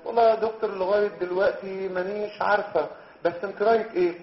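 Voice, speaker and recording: A man's voice: high voice, steady tone, fast talker. A man with an Egyptian accent voicing an anxious young pregnant woman patient in a classroom role-play. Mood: unsure. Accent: Egyptian Arabic. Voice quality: worried, pleading. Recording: roomy, dull lecture recording.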